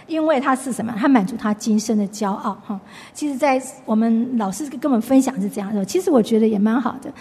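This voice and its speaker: In a large hall, a woman with a somewhat high, slightly mellow and slightly rough voice teaches a Bible study. Her lesson is conversational and chatty as she retells the story, frequently restarting her sentences.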